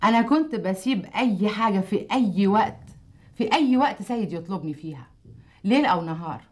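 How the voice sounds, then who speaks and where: An actress playing a calm, scheming woman who bargains hard over money in a TV drama. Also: mid-range voice, fairly quick, close to an everyday voice. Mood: pleading. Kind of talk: TV drama acting.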